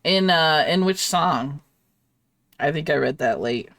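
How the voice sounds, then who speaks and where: A woman's voice: sits low, expressive, measured pace, a bit bright, no room sound. A woman streamer chatting casually with her viewers while she draws, often breaking into giggles. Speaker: live streamer drawing art. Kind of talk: casual live-stream chat.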